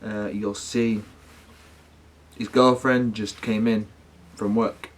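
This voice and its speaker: A man's voice: lowish voice, flat delivery, takes it slowly. A man talking casually to his viewers as a paranormal vlogger, rambling and slangy, often correcting himself. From United Kingdom.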